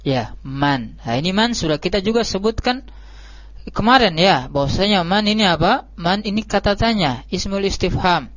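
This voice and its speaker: A man teaching an Arabic lesson, repeating words slowly and drawing them out for his students. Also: high-pitched, expressive, a bit bright, dry recording. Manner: slow, drawn-out repetition of words. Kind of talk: classroom lesson. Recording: dull lo-fi live stream audio.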